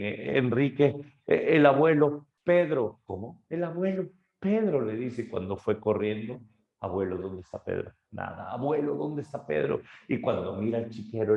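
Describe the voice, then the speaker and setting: A man tutoring literature for an entrance exam, retelling a short story and acting out its characters' lines before he moves on to the next topic. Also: lowish voice. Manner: animated storytelling, acting out quotes. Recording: muffled roomy lo-fi audio.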